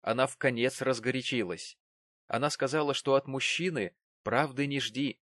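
A man reading a classic novel aloud in a measured, expressive narration. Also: medium pitch, no room sound. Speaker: audiobook narrator. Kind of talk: scripted literary narration.

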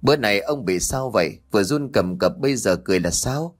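A complaining middle-aged wife, voiced by a man who scolds. The voice stays low but rises and falls a lot. It suits a told ghost story. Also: lively intonation, a little fast. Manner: complaining, nagging.

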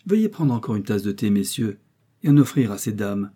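A man voicing a fond, doting old English country gentleman in an audiobook. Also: lowish voice, big pitch swings, fairly quick, breathy edge. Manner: warm, doting.

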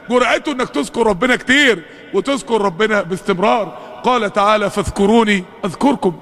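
A man's voice: very high voice, sharp tone. A man with an Egyptian accent preaching a fervent mosque sermon, full of rhetorical questions and calls to the congregation, recorded in a reverberant mosque hall. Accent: Egyptian Arabic.

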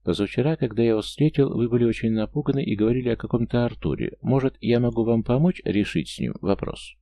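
A man's voice: mid-range voice, animated, quick pace, dark tone, pitched above the performer's own voice, close to an everyday voice. A man voicing a large, formal, courteous male bodyguard. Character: big polite male bodyguard, obedient.

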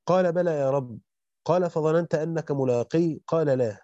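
A man reads through a classical Quran commentary at speed, steady and matter-of-fact, fixing small slips as he goes. His voice is dark and mellow. The recording is dry and a bit dull, like a lo-fi home setup. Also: on the high side, dry recording. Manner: fast and even, with quick self-corrections. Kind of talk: rapid scholarly reading aloud.

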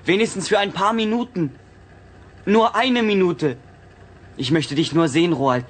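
A man's voice: high voice, measured pace. An actor playing an anxious young male spaceship passenger who pleads and grows desperate, in a radio drama. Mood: pleading.

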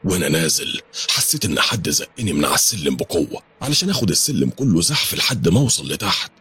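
Husky, fast Egyptian horror narrator. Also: male voice, low voice, sing-song, bright, forceful tone, no room sound. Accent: Egyptian Arabic. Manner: urgent, dramatic. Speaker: storyteller. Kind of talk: first-person horror story narration.

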